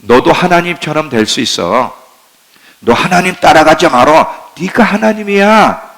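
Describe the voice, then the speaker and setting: A sly, coaxing Satan, put on by a man preaching in a sermon, pressing the listener to give in. The voice is gravelly and somewhat high, with a bright, forceful edge. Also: animated, unhurried.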